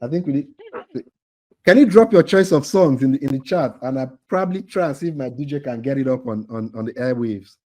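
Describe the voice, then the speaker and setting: A man hosts a live online quiz for a training cohort over a video call, teasing the players and laughing often. His mid-range voice is expressive and darkish, fairly quick, and the recording is low quality.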